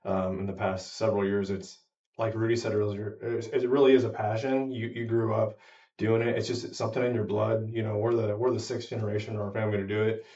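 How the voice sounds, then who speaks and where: A man's voice: lowish voice, little pitch movement, fairly quick, warm tone. A man, a farmer, chatting casually in an earnest, reflective way. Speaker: farmer co-host. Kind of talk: casual conversation. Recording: distant mic, dull muffled sound.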